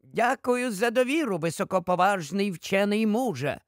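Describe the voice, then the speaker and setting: Reepicheep, a man doing a squeaky gallant mouse. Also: animated, normal speed, no echo, studio quality. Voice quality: shrill, squeaky. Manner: courtly, boastful. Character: tiny brave male mouse warrior, squeaky and gallant. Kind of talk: audiobook character voice.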